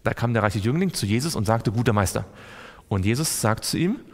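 Man leading group Bible study, very animated melody, quizzes listeners, long hall reverb. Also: on the low side, a little fast. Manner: quizzes listeners, repeats words for emphasis. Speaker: Bible teacher. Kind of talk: interactive Bible study talk.

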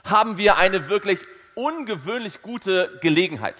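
Bright, high-voiced male interpreter in a reverberant hall. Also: expressive, moderate pace. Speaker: sermon interpreter. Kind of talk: consecutive interpreting of a sermon.

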